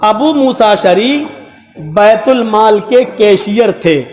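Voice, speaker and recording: A man's voice: high-pitched, animated, a little mellow. A man from Uttar Pradesh, India, preaching a dramatic, moralizing story sermon at a religious gathering and speaking straight to the crowd. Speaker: maulana, preacher. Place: large gathering hall. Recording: echoey hall with long reverb.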